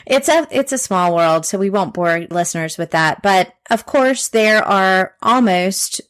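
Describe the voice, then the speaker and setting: A woman's voice: mid-range voice, animated, a little slow, fairly bright tone, clear, resonant tone. A woman with a Southern American accent hosting a podcast, chatting casually with a guest and reading her show intro. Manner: friendly, chatty, laughs easily. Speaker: podcast host.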